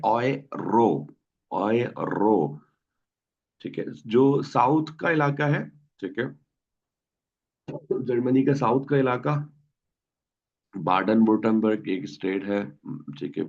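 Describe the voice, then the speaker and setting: A man's voice: lowish voice, gravelly, darkish tone. A man teaching an online language class, patiently quizzing students and repeating words. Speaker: German teacher. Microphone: video call. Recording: dull lo-fi online class audio.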